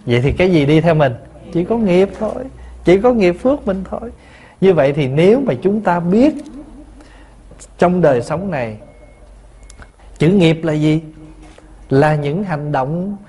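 Buddhist monk, storytelling sermon, slightly high voice. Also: male voice, warm tone, breathy edge. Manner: storytelling, asks the listeners questions, chuckles. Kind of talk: dharma talk sermon.

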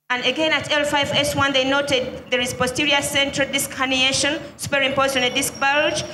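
A woman's voice: high voice, bright, forceful tone, slight background noise. A woman giving live commentary at a church healing service, reading out a medical report and proclaiming to the crowd. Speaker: ministry commentator. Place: large hall with crowd and music. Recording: echoey hall with music.

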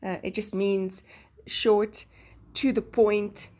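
This woman speaks slowly in a mid-range, slightly mellow voice with little pitch movement while narrating a Bible journaling craft. Her South African accent reflects her Afrikaans first language, and she chats warmly, laughing often between phrases.

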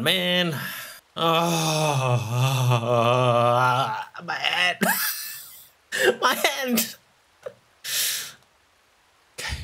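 Bright, lively-voiced male gamer. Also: high-pitched. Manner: talks to himself, exclaims and laughs often. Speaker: gaming channel host. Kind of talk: let's play commentary.

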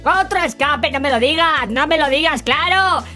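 A woman, commentating game clips in an excitable, sarcastic and exasperated way, swearing freely. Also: high voice, normal speed, music in the background. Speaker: gameplay clip commentator.

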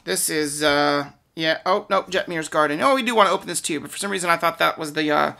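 A man talks through a card pack opening in a bright, forward voice with a gravelly creak at its edges. His commentary is casual and unscripted, and he often hesitates or leaves a thought hanging. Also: on the high side, fast talker.

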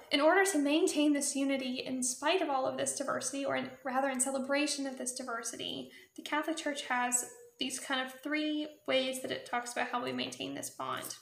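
A young woman in her twenties hosting a faith video, explaining in an earnest, measured way with small restarts, speaking to a camera in a small room. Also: high-pitched, vocal fry, a bit bright, reverberant. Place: small indoor room before a patterned curtain.

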